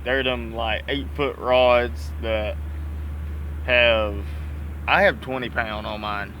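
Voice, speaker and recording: A man's voice: mid-range voice, steady tone, slow, a bit bright, slight background noise, poor audio. A man with a Southern US accent chats casually and folksily, with mild swearing, as he talks around a dip of chewing tobacco. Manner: folksy, mildly profane. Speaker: fishing vlogger. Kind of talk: casual rambling chat to camera.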